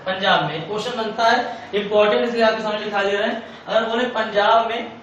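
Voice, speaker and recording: A man's voice: sits high, steady tone, fairly quick, a bit bright, dull audio. Male tutor who drills repeated Q&A, recorded from far off with faint hiss. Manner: repetitive, asks and answers own questions. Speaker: teacher. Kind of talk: exam-prep lecture. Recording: echoey room, far from mic, faint hiss.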